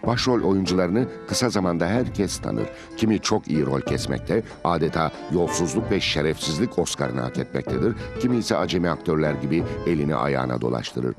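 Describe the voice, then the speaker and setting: A man's voice: extremely low pitch, animated, normal speed, few pauses. A man presenting a TV programme with dramatic scripted narration in theatrical, emphatic, rhetorical phrasing. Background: music.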